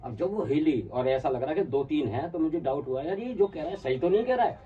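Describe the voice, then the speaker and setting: A man's voice: on the high side, brisk, slightly rough, far from the mic, narrow, tinny audio. A man telling a casual personal anecdote, acting out what his friends said along the way. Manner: animated, acts out quoted friends. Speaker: storyteller.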